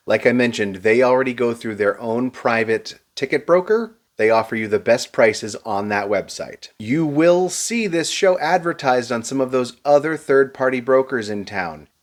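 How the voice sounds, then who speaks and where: A man reviewing a show to camera, explaining prices and seating in a steady, advice-giving way with a touch of dry sarcasm. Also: on the low side.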